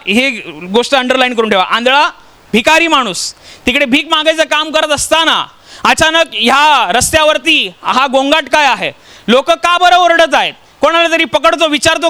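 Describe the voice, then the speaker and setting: A man's voice: very high voice, sharp tone. A man from Maharashtra preaching a sermon, telling stories and putting rhetorical questions to the congregation. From Maharashtra, India.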